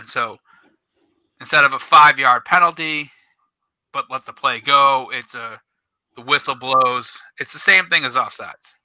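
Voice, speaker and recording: Animated New coach with a bright voice. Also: male voice, mid-range voice, no room sound, poor audio. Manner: animated, swears, acts out quoted dialogue. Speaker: youth football coach. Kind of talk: casual podcast storytelling.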